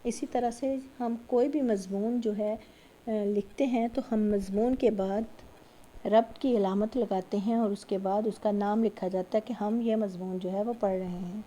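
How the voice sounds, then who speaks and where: Mellow-voiced woman teaching a lesson. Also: medium pitch, fairly even intonation, a little hiss or hum. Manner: patient, repeats key points, frequent check-ins. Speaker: school teacher. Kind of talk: recorded classroom lecture.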